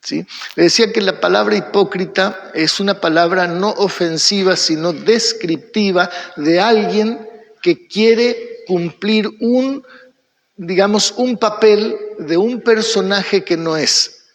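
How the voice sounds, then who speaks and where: A man's voice: sits high, slow pace, gravelly. A man with an Argentine accent teaching a church Bible study, who asks questions, answers them himself and keeps checking in with his listeners. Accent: Argentine Spanish. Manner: keeps checking in with the audience by asking "¿sí?". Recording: long echoing hall reverb.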